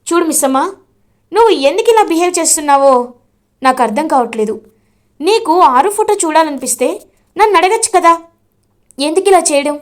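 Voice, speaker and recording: A stern man gives orders and demands answers, firm and direct. A woman narrator reads his lines in her own high voice. Her delivery stays plain, with little change for the role. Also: expressive, fairly quick, long pauses. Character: stern officer husband, firm and commanding.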